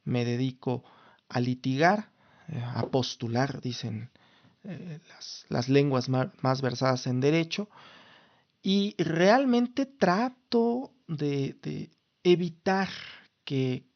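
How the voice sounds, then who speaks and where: Here the Mexico City podcaster, a man in his thirties with a Mexican Spanish accent, sounds expressive and slow in a mid-range voice. Though the solo show is casual, he talks in a formal, lawyerly way and frequently starts over; the audio lacks high frequencies.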